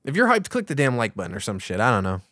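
A man's voice: mid-range voice, fast talker, no room sound. Hyped young guy doing a casual review vid, swears a lot, voice jumps all over, dry close sound. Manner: excitable, swears casually, laughs often. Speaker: YouTube reviewer. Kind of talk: casual opinion video.

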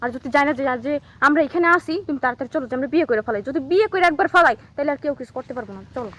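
A woman's voice: high-pitched, animated, racing, fairly bright tone. A woman playing an anxious eloping girl. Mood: pleading. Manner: pleading, insistent. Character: anxious young woman eloping with her lover. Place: outdoors among trees.

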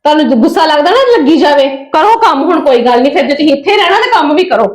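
A woman's voice: high voice, expressive, rapid-fire. A woman acting as a fed-up young wife who firmly lectures her sister-in-law, in a family drama. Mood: lecturing. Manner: firm and lecturing.

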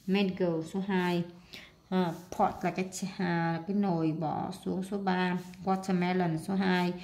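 A woman English teacher with a Vietnamese accent, working through a workbook exercise and talking as she writes, with pauses and fillers. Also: lowish voice, creaky, a little mellow. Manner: talks while writing, with pauses and fillers. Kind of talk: casual workbook walkthrough.

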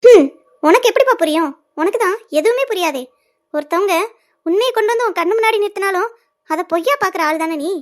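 A resentful young woman in a cartoon serial, very high and thin in tone. She talks in a cutting, scornful way. Every remark has an edge. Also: animated, quick pace.

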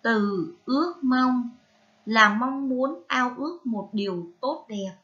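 A woman with a Vietnamese accent teaching a reading lesson to young children, spelling out syllables carefully and prompting them gently. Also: on the high side, slow, dull audio. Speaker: primary school teacher.

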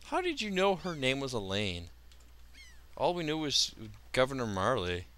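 A man's voice: mid-range voice, wildly swooping pitch, moderate pace, bright, forceful tone. A man giving casual Let's Play commentary with joking, sarcastic asides. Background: game music.

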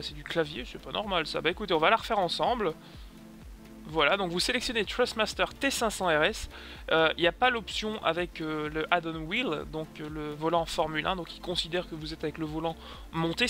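A man from France narrates a sim racing game tutorial in a casual, rambling way, with frequent fillers. His voice sits high and sounds bright and forceful. He is recorded close on a desk microphone. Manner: hesitant, many fillers, chatty.

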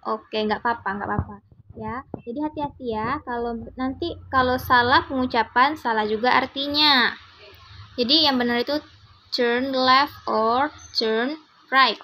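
High-voiced young Indonesian woman teaching. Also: moderate pace, sharp tone, slight background noise. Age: young adult. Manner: encouraging, corrects pronunciation patiently. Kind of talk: classroom teaching, mixing Indonesian and English. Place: classroom.

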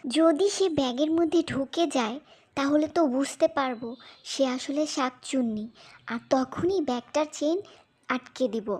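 A high, childlike voice for a plucky young girl voiced by a woman in a children's fairy tale. She speaks with spirit and confidence as the clever, protective elder sister. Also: a little slow, darkish tone. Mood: urgent, plotting. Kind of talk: children's fairy-tale audio drama acting.

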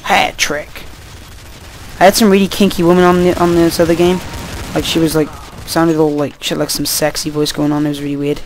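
A tired young man talks through a shooter match in a slightly high voice, rambling and easily sidetracked, cursing whenever the game goes wrong. He is recorded at home on a computer mic with a faint hiss underneath. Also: flat delivery, a little fast. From Wales. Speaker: gameplay commentator. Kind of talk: casual gameplay commentary.

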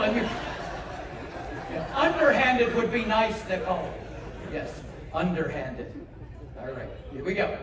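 A high male voice comes through a noisy background, as a juggler performs comic patter on stage. He banters with and guides volunteers from the audience in a big cruise-ship theater, recorded from a distance with echo and crowd noise.

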